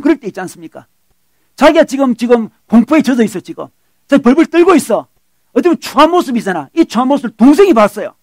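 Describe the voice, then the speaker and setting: A man preaching A middle-aged pastor in full sermon, his voice sitting high for a man and recorded close and dry. He talks animatedly, acts out quoted lines and keeps checking in with the congregation. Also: dry recording.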